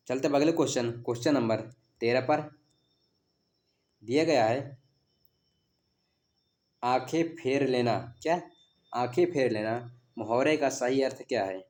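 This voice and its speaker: Male teacher, mellow tone, drills exam questions, repeats key answers back. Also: medium pitch, slow, pauses often. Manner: quizzing, reads options then gives answers; repeats key words as a question to stress them. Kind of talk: exam practice lesson.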